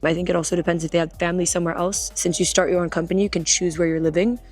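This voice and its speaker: Young London-raised woman, student, flat quick delivery, matter-of-fact, music under. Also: fairly low pitch. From grew up in London. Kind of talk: interview answers.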